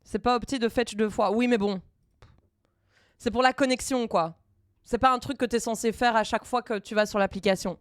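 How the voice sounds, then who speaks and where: A woman streamer thinking aloud while coding live, hesitant and halting with many fillers and restarts. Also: a little high, no echo, clean studio sound.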